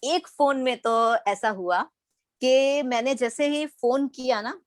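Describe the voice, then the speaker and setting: Lively middle-aged woman telling her story. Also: sits high, slow, no echo. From Gujarat, India. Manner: lively storytelling, acting out quoted lines. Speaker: program participant sharing her story. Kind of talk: personal testimony talk.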